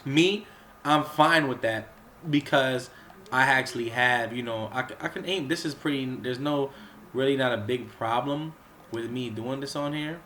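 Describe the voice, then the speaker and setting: A man with a cold who keeps clearing his throat, casually talking through a game's crafting menus with lots of fillers and restarts. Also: medium pitch, moderate pace, a bit bright, slight background noise. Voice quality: sounds a bit off from a cold. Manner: rambling, with many fillers and restarts. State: under the weather, coughing and clearing his throat. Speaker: gaming channel host. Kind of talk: casual gameplay walkthrough commentary.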